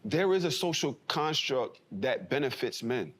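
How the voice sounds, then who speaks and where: A man's voice: mid-range voice, sing-song, unhurried, fairly bright tone, slight background noise. A man on a panel discussion, speaking earnestly and explaining his view. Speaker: panel guest.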